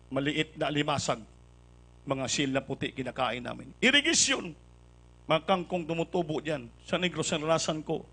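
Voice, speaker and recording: Male preacher, high and bright, animated storyteller, sermon with English phrases. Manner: animated storytelling, acting out dialogue. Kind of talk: Filipino church sermon with testimony.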